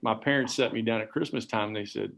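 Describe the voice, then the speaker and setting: Low-voiced man telling stories. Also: steady tone, fast talker, a bit bright, slight background noise. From Garland, Texas. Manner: rambling, anecdotal, self-deprecating, many fillers. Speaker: assistant principal guest. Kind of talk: casual podcast storytelling.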